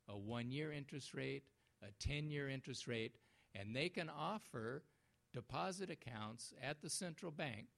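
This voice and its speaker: A man's voice: mid-range voice, gravelly, fairly bright tone. A man teaching an economics lecture, explaining step by step with frequent fillers and checks of "okay?". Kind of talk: lecture with questions from students.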